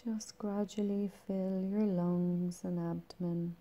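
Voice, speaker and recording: A woman guides a meditation in a soft, breathy and soothing voice that is very dark and relaxed. She speaks slowly, with long pauses, and keeps her pitch even and flat.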